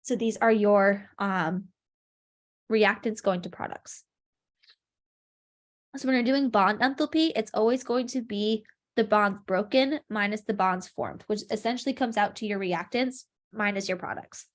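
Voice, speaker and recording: Her voice sits at a medium pitch and moves a little slowly. A young woman with a stuffy, sniffly nose, she guides a chemistry review over video call, explaining warmly and leaning heavily on ums.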